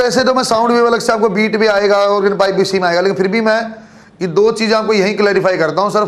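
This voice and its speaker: Male physics teacher, Haryanvi Hindi accent, high voice, lecture delivery with frequent check-ins to students. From Haryana, India. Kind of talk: classroom lecture.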